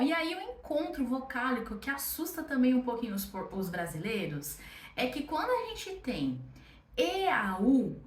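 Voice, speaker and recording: A young woman with a Brazilian Portuguese accent gives a casual online French lesson, chatty and encouraging, checking in often with her students. Her voice sits a little high and comes from a step back from the mic. The room around her is echoey. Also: fairly bright tone, recorded from a distance, a little hiss or hum. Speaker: French teacher.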